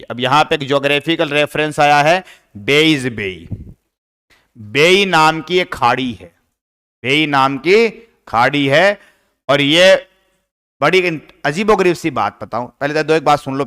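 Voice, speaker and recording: A man's voice: a little high, fairly bright tone, smooth. A man teaching a poem in a lesson, asking his class questions and then answering them himself. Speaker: English literature teacher.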